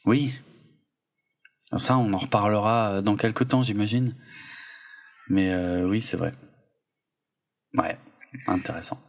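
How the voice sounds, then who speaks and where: A man's voice: fairly low pitch, takes it slowly, pauses often. Laid-back rambling man chatting about films. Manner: rambling, laid-back, lots of filler and hedging. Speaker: podcast co-host. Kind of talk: casual film review chat.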